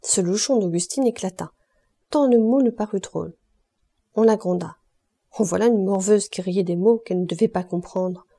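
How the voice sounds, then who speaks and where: A woman reading a classic novel aloud in steady, measured narration. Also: medium pitch, slightly rough. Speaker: audiobook reader. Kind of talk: scripted literary narration.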